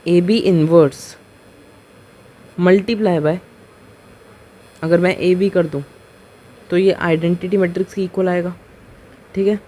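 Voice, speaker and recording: A man with a high, warm voice gives a board lecture, explaining a maths proof step by step. He's patient, slows down on key terms, and keeps asking rhetorical questions and checking that students follow.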